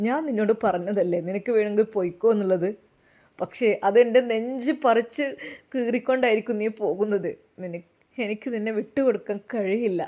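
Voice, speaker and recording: Woman playing a jealous husband, lowered voice, accusing then pleading, tearful. Story reading. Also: brisk, dark tone, natural voice.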